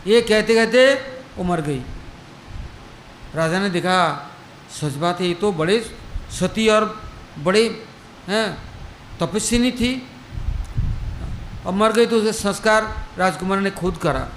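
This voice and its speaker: A man's voice: high voice, slow, pauses often, fairly bright tone, slight background noise. A male preacher telling a devotional story in a sermon, acting out the characters' dialogue as he goes. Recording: echoey room with faint ambience.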